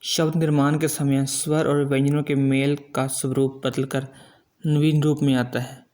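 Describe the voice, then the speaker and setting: A middle-aged man teaching a grammar lesson, explaining slowly and drawing out example sounds one by one. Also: mid-range voice, flat delivery, a little mellow. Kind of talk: classroom-style grammar lesson.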